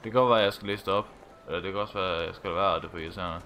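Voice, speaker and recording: A man's voice: low-pitched, fairly even intonation, bright, forceful tone, a little hiss or hum. A young man streaming a game live, reading dialogue aloud, swearing and laughing as he plays. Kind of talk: casual live game commentary.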